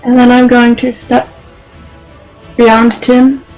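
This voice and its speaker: A woman calls her moves casually as a player in a tabletop game. Her voice sits fairly high, over background music. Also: completely flat delivery, slow, a little mellow, low-quality recording.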